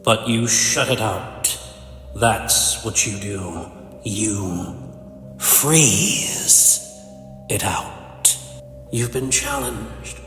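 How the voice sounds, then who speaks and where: In a comic dub, a man voices a cold, bitter, cerebral supervillain, speaking very slowly in a lowish, slightly bright voice. His delivery is theatrical, condescending and verbose, in a cold, musing mood, with echoey hall reverb and faint music behind.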